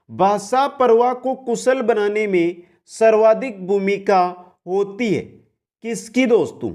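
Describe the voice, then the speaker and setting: A male teacher with a fairly high voice runs through quiz questions at a steady clip. He restates each question, explains it briefly, and names the right option. He speaks directly to his students as friends. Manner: brisk quiz-answering, repeats the question then gives the answer; often addresses listeners as friends. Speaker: exam-prep teacher. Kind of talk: online exam-prep lesson.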